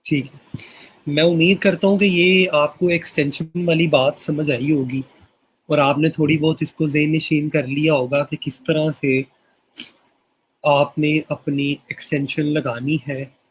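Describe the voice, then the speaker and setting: A man with a slightly high, husky voice walks his students through a tutorial. He talks them through each step in an explanatory way and keeps asking whether they are following. It sounds like an online class taught over a screen share. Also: steady tone, a little slow, rough recording. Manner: explanatory, checks in often with "theek hai".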